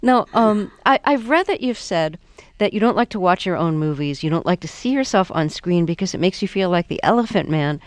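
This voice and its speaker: Female interviewer, smooth mid-pitched voice in a dry studio-close sound, conversational and gently tentative in her questions. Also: animated, a little fast, no echo.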